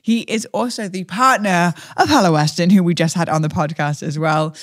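A woman's voice: fairly low pitch, normal speed, dry recording. Woman podcast host, earnest and flowy, spiritual talk w some slang, dry close sound. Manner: earnest, flowing, spiritual wording with casual slang. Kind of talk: heartfelt spiritual podcast introduction and chat.

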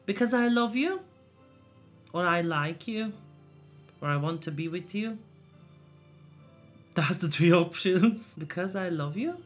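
A woman's voice: fairly low pitch, animated, a little slow, long pauses, soft background music. A woman hosting a reaction video, thinking aloud in short bursts and repeating words as she watches. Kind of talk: casual reaction commentary.

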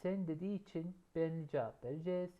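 A woman with a low voice teaches an Arabic course, patiently repeating examples and slowing to say each word. The recording sounds dull and lo-fi. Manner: patient, repeats examples, often addresses listeners as friends; slows down to pronounce Arabic words. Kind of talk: online course lecture.

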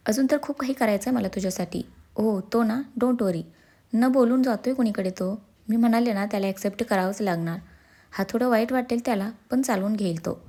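Woman doing a young wife, storybook, mischievous, sly teasing delivery, mellow voice. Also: fairly high pitch, brisk. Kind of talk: storybook character reading.

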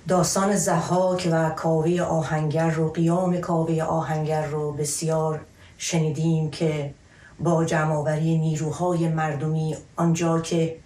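Echoey, lowish-voiced woman explaining an epic. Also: level tone, dark tone. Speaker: storyteller presenting and explaining an epic. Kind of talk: expository storytelling to camera. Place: small wood-panelled room at home, indoors. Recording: echoey room.

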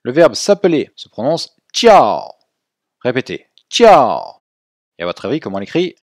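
A man teaching a language lesson, explaining clearly and slowing right down to model words for students to repeat. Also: medium pitch, very animated, no room sound, studio quality. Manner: clear didactic explaining, slow drawn-out model pronunciations for repetition.

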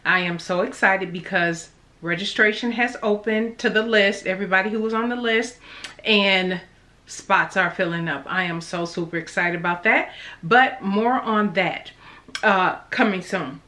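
Middle aged lady vlogger chatting away, bright crisp-edged voice, mouth kinda numb n swollen from the dentist. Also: medium pitch, measured pace. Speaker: sewing channel host. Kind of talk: casual chatty vlog to camera. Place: small indoor room at home.

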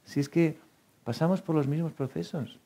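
Mellow husky man giving a talk. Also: on the high side, slow. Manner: lively storytelling, acts out quoted dialogue, laughs often. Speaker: speaker at a meditation talk. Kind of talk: spiritual talk to a live audience.

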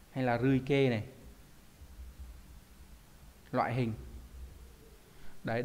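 A man's voice: medium pitch, a little mellow. A man teaching a Japanese kanji lesson, explaining in a conversational way and often asking rhetorical check questions.

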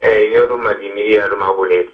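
A man's voice: lowish voice, fairly even intonation, fast. A man calling in to a show, chatting casually over a phone line. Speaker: phone-in caller. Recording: dull, narrow phone line.

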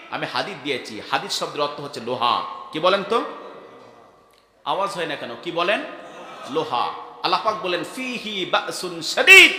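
A male preacher from Bangladesh giving a fiery sermon, calling on the crowd to answer back and swinging from soft phrases to shouted peaks. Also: a little high. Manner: call-and-response, prompting the crowd to answer back. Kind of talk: fiery Islamic sermon at a gathering. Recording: echoey hall over a PA system.

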